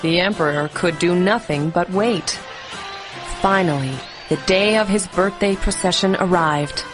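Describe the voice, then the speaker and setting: A woman reading a scripted bedtime story for children in a clear, expressive storybook delivery. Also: fairly low pitch, measured pace, music in the background, rough recording.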